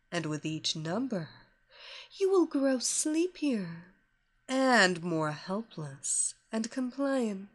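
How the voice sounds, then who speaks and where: A seductive female hypnotist, as a woman reads her, unhurried to the extreme, stretching each word into a soothing command. Her fairly high voice rises and falls in lilting swells as she repeats herself, patient and domineering. She sounds like a storybook villainess in full control. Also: full character voice. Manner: slow, soothing, repetitive hypnotic cadence.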